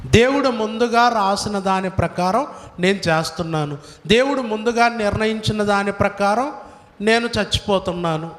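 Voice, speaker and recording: A man's voice: high voice, moderate pace. A male pastor preaching a sermon, from India, firing rhetorical questions at his congregation. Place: church hall. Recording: echoey hall, voice from far off.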